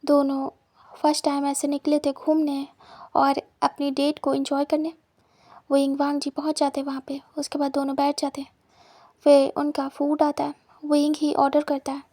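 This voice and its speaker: A woman narrating a fanfiction story in an even, monotone reading manner. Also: high voice, moderate pace.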